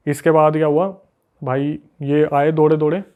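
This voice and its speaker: A man's voice: on the high side, moderate pace, clean tone, narrow, tinny audio. A man telling a spooky story on a casual podcast, retelling it with energy and acting out what people said. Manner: animated retelling that acts out the quoted people. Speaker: guest storyteller.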